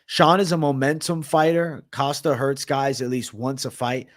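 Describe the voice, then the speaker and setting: A man hosts a casual livestream Q&A and answers viewer questions in a blunt, offhand way, swearing now and then. His voice sits at a middling pitch. The sound is dry and close, with no room echo. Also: fairly even intonation, moderate pace. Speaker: livestream host.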